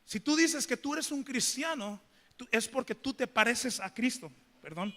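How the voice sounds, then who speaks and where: High, bright preacher in church. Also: male voice, normal speed. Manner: questions the congregation, animated preaching. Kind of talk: sermon with storytelling. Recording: reverberant church hall.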